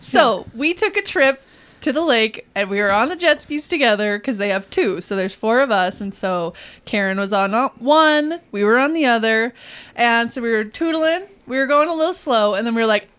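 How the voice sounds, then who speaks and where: A woman co-hosting a podcast, telling stories in a giggly, animated way. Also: fairly high pitch, moderate pace, smooth. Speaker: podcast co-host. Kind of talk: casual chat.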